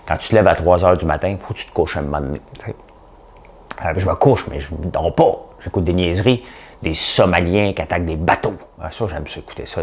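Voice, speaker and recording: A man's voice: low-pitched, a little mellow. A man with a Québécois accent hosting a casual news commentary show, rambling and jokey with lots of fillers. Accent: Québécois French.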